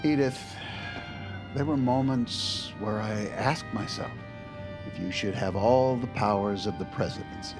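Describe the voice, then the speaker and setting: An actor playing a weary, principled Vice President in an audio drama, halting, earnest and slightly theatrical. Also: male voice, lowish voice, music in the background, lightly acted. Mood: earnest, parting.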